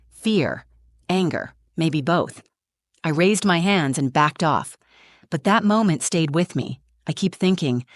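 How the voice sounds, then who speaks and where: A woman narrating a scripted first-person story in a measured, reflective way, with short dramatic phrases. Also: deep voice, no echo, studio quality.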